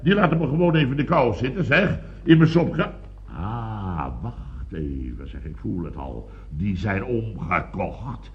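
A man's voice: fairly high pitch, lively intonation, fast talker, hardly any pauses, muffled recording, close to an everyday voice. An actor playing a fussy, pompous rich businessman in a radio comedy, blustering and exclaiming. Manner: blustering, exclamatory, self-mocking.

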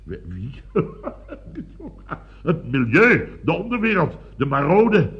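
A man's voice: on the high side, huge pitch swings, a little slow. Blustering pompous businessman. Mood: indignant. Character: pompous, fussy rich businessman. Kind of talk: radio comedy sketch. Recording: dull lo-fi old radio recording.

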